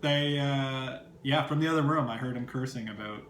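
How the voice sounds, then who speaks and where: A man's voice: mid-range voice, moderate pace. Teasing man with a dry wit. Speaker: podcast co-host. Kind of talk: casual chat. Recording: echoey room with faint background noise.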